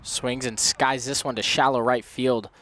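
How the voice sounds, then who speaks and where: A man calling live college baseball play-by-play from a ballpark press box, fast with his calls and quick to laugh. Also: mid-range voice, steady tone, sharp tone. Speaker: play-by-play commentator.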